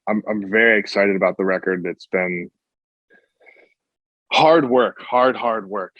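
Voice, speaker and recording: A man's voice: fairly low pitch, measured pace, no room sound. A man from Massachusetts, a metal band member, chatting easygoing over a flip phone call, laughing often and restarting his words. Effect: heard over a flip phone call. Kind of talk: casual chat. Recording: dull, muffled phone line.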